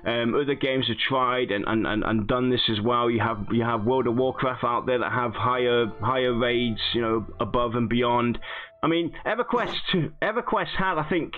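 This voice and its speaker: A man hosting a casual online debate show, easy and chatty, quick to joke back when he is cut off. His voice sits at an ordinary male pitch. The audio is a bit muffled, with faint music playing underneath. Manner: bantering, mock-indignant when interrupted. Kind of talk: casual podcast chat.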